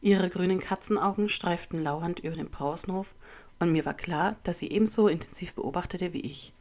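A woman narrating an audiobook in the first person, her voice sitting a little low. She reads expressively, pushing dramatic lines up and letting quiet ones drop. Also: normal speed.

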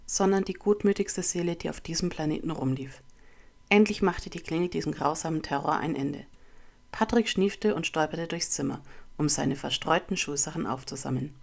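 A woman narrating an audiobook in the first person, her voice sitting a little low. She reads expressively, pushing dramatic lines up and letting quiet ones drop.

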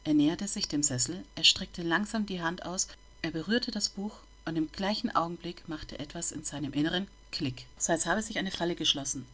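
A woman reading a novel aloud as an audiobook narrator, calm and measured. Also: fairly low pitch. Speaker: reader of a novel.

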